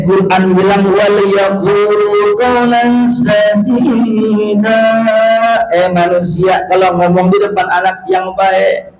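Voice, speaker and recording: A man preaching a comic sermon at a mosque gathering, joking and shouting as he mimics family quarrels. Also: high-pitched. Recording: echoey room, faint noise.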